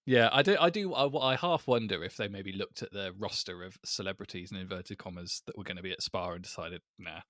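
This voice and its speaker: A man's voice: low voice, brisk, few pauses, a bit bright, no echo, studio quality. A man co-hosting a sports podcast, chatting casually and laughing often. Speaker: podcast co-host. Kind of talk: casual chat.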